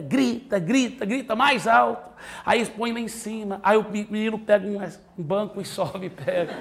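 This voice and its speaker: A Brazilian pastor teaching parents from the pulpit, his voice sitting high and leaping around in pitch. He acts out little scenes between a father and his child, then drops to a hushed, intimate tone before climbing back to loud emphasis. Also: vocal fry. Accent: Brazilian Portuguese. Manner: acts out parent and child dialogue, swings from loud emphasis to soft quiet asides. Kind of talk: sermon-style teaching.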